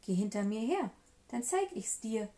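A woman's voice: a little high, sing-song, normal speed, warm tone. A woman voicing a small, clever, boastful mouse in a children's storybook reading. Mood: cheeky.

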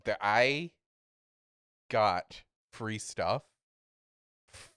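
A man co-hosting a casual podcast, his pitch swinging widely as he talks. He keeps dissolving into high, squeaky giggles. The sound is dry and close to the mic. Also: lively intonation, drawn-out words, sharp tone, clear, resonant tone, no echo. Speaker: podcast co-host. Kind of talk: casual chat.

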